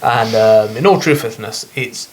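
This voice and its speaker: A man's voice: lowish voice, measured pace, slight background noise. A man chats casually as a guest on a podcast. He rambles in slang and laughs often. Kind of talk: casual chat.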